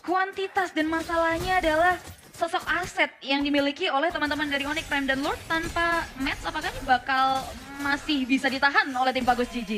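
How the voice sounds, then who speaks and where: High voiced woman w casting a mobile game match, exclamatory, english bits, music behind her. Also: fairly even intonation, fairly quick, pushed and bright. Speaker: esports commentator.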